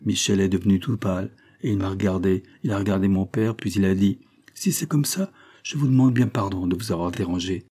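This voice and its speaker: A man's voice: deep voice, a little fast, dark tone, slightly rough. A man reading aloud, voicing a grieving, stubborn young peasant woman in a plaintive, insistent way. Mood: sorrowful.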